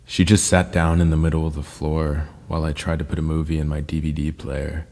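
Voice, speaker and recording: Very deep, gravelly-voiced man narrating horror. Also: flat delivery, brisk, a little mellow. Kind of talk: scripted scary story narration. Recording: long reverb with faint ambient noise.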